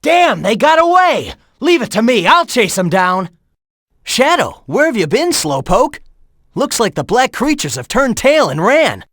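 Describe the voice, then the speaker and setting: A man's voice: extremely high pitch, very animated, a little slow, a bit bright, no room sound, clean studio sound, full character voice. A man voicing a cocky young male hedgehog hero in a video game, upbeat and encouraging as he guides the player. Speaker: sidekick guiding the player.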